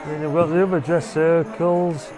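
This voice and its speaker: The audio is poor, with music in the background, and the man's voice is on the high side with little pitch movement and a moderate pace. He hosts a family vlog and chats through a handheld-camera walking tour of a theatre, covering the foyer and a private box.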